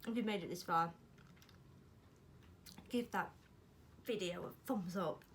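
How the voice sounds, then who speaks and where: A woman's voice: on the low side, takes it slowly, background noise. A British woman chatting casually while tasting snacks, talking between bites and teasing herself. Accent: British English. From United Kingdom. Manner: chatty, eating while talking, self-mocking. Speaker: vlogger.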